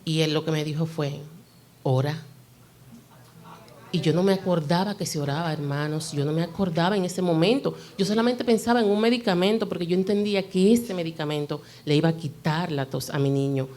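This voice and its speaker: A woman's voice: low-pitched, brisk, mellow. A woman giving an earnest, emotional testimony in church, speaking to the congregation.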